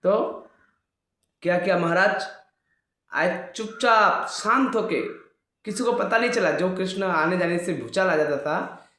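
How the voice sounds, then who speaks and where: A man telling a devotional story as a sermon, lively and acting out every character himself. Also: sits high, measured pace, long pauses. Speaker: religious storyteller. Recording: echoey room.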